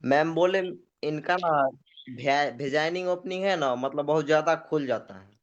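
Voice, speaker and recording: A man's voice: a little high, normal speed, highs cut off. A man, the husband of a patient, speaking hesitantly over a choppy online call that keeps dropping. He stops and restarts partway through his sentences. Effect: choppy, dropping online call audio. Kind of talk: halting consultation talk.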